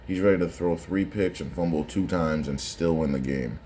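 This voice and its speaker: Really deep mellow guy doing casual sports reaction, bit of noise behind him. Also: moderate pace. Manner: conversational, repeats phrases for emphasis.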